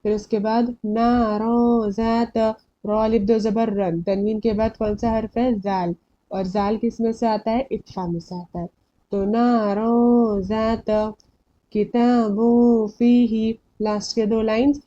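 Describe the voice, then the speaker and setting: A woman's voice: mid-range voice, steady tone, normal speed, dark tone, muffled recording. Patient woman teaching recitation rules. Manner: patient, repeats and asks questions back to learners; mixes English phrases into Hindi. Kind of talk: slide-based recitation lesson.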